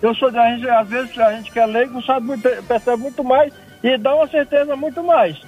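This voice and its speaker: A man with a very high voice calls in to a radio program. His speech is halting and full of repeated words, yet he keeps insisting on his point. The line sounds muffled and lo-fi. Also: fairly even intonation, darkish tone, faint music behind. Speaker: caller. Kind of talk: radio call-in.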